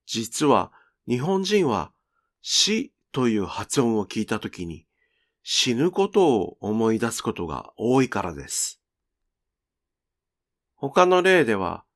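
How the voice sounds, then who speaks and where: In this scripted lesson, a male teacher walks through Japanese pronunciation deliberately and clearly, his pitch lively and his pace slow.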